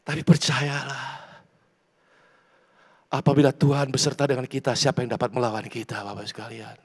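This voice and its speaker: A man from South Sumatra preaching a sermon to his congregation, swinging between loud pleading and hushed prayer. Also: medium pitch, rapid-fire, husky. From South Sumatra, Indonesia. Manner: repeats words, addresses congregation directly. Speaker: pastor. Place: church.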